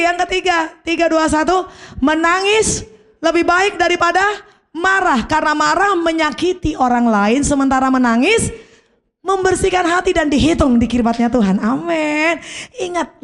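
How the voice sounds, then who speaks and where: A woman pastor preaching a sermon in a church service hall, emphatic and leading the congregation to repeat phrases after her. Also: sits high.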